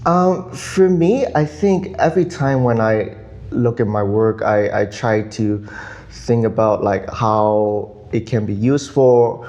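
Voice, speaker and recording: Soft-spoken potter, halting. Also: male voice, lowish voice. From Hong Kong. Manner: halting, thoughtful, quick to laugh. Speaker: potter and guest. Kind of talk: casual interview chat.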